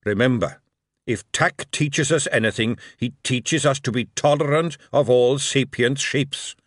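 A man reading an audiobook, voicing a furious male dwarf king who declaims loudly and indignantly. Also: mid-range voice, unhurried, dry recording, studio quality, voice pushed up, natural voice.

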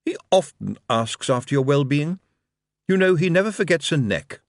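Brief: male narrator as a cool, precise ruler, measured and menacing, lively inflection, dry close sound. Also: on the high side, dry recording, voice pushed up. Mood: amused. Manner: measured, silky and quietly threatening.

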